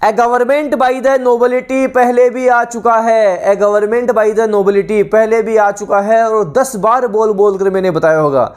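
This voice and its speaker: A teacher giving an exam-prep vocabulary lesson, reading each English definition out slowly, then repeating the answer word again and again with explanations. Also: mid-range voice, fairly even intonation, darkish tone, clear, resonant tone. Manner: explains in Hindi mixed with English terms.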